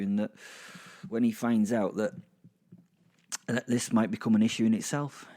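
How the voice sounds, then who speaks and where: Music runs under this man's warm, fairly low voice as he hosts and narrates a podcast. The recap he gives listeners is casual and rambling, peppered with dry jokes and moments where he interrupts himself.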